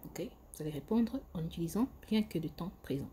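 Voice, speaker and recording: A woman giving an English lesson, modelling phrases slowly and carefully. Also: fairly low pitch, expressive, mellow, breathy edge. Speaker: English teacher. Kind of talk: language lesson.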